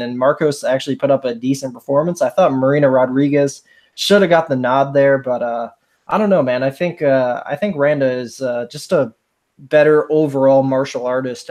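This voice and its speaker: A man's voice: mid-range voice, darkish tone. A young man co-hosting a podcast, breaking down fights in a laid-back way and often tacking on "man". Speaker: podcast co-host making fight picks. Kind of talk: casual chat.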